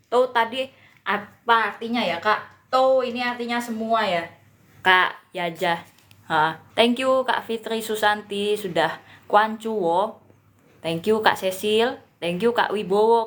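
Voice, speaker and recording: Slow, chatty woman teaching Mandarin. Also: medium pitch, fairly bright tone, reverberant. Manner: chatty, repeats pronunciations, addresses viewers often. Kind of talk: live online language lesson.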